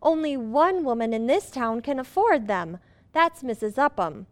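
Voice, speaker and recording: An actress playing a sweet, excitable young housewife with a wholesome, earnest manner in a radio comedy. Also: female voice, high-pitched, normal speed, no echo. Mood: admiring. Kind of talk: old-fashioned radio comedy acting.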